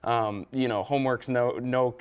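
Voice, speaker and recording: A man's voice: medium pitch, steady tone, normal speed, clear, resonant tone. A young man from Wisconsin, a competitive angler, talking casually as a TV guest with many fillers and restarts. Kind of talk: casual interview.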